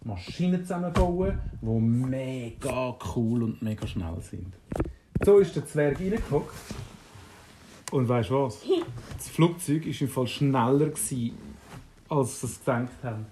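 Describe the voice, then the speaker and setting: A woman with a Swiss German accent telling an improvised bedtime story in a relaxed, rambling way. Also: very deep voice, a little slow, background noise. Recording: roomy, echoey.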